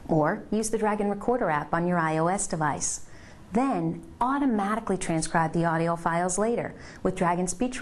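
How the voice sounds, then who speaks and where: In a fairly low pitch, a woman presents a product tutorial, reading out instructions she has scripted. She keeps a measured pace and takes each step in turn.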